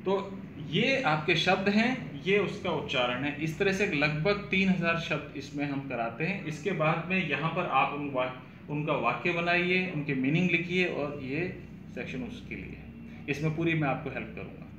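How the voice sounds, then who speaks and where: A man's voice: on the high side, moderate pace, bright, forceful tone, highs cut off, a little hiss or hum. A man, explaining his English pronunciation course to students and repeating words to show how they sound. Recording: echoey room with faint ambience.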